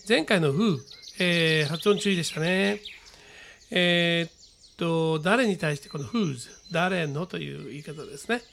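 A man with a Japanese accent teaching a radio-style English lesson, explaining patiently and reading model sentences slowly. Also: high voice, vocal fry, fairly bright tone, a little hiss or hum.

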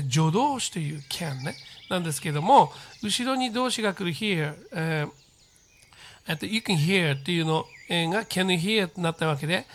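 An English teacher giving a home-recorded lesson, patiently repeating short phrases slowly for practice with frequent hesitant fillers. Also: mid-range voice, a bit bright.

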